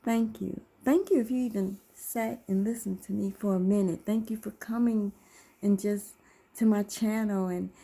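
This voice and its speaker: In a mid-range, dark-toned voice with vocal fry, a woman in her fifties who runs her own channel talks at a moderate pace with fairly even intonation. Her monologue to camera is casual, rambling and reflective, centered on faith.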